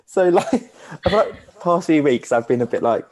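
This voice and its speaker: A man co-hosting a podcast, chatting casually, giggly and animated, laughing often. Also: a little high, moderate pace. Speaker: podcast co-host. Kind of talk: casual chat.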